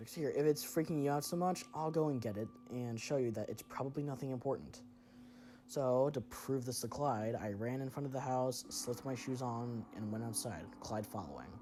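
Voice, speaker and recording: A man's voice: medium pitch, normal speed, mellow. A man narrating a first-person horror story in a tense, dramatic way.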